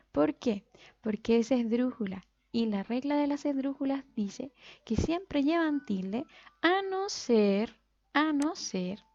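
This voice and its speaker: A woman teacher giving a recorded lesson, explaining step by step in a patient way and slowly stretching out example words. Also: high-pitched, darkish tone. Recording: dull lo-fi sound with faint music.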